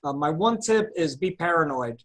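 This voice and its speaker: Lawyer guy, slightly high voice, crisp and earnest, warning everybody. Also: expressive, normal speed. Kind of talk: brief panel introduction and advice.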